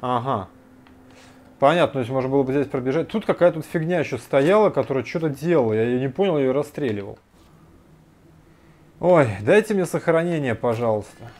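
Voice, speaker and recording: A man giving casual gameplay commentary, muttering to himself and breaking into frequent loud swearing. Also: mid-range voice, expressive, fairly quick. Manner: swears often, loud startled outbursts; mutters to himself while playing. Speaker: let's play gamer.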